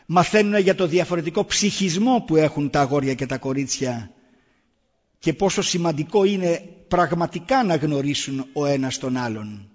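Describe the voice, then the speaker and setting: A middle-aged man giving an earnest public talk, answering the audience with pointed rhetorical questions. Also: a little high. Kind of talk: public talk on raising children. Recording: echoey hall, dull lo-fi sound.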